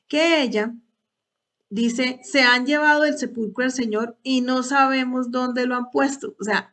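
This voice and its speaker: A woman leading a Bible study talk for women, hesitant at times, repeating words and asking rhetorical questions. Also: on the high side.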